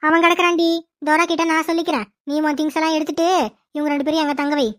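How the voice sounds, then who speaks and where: A woman's voice: high voice, level tone, very fast, fairly bright tone, dry recording, clean studio sound. A woman voicing a scheming, bossy mother-in-law in a cartoon, barking orders at her daughter-in-law. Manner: commanding, scolding servants. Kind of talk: cartoon voice acting.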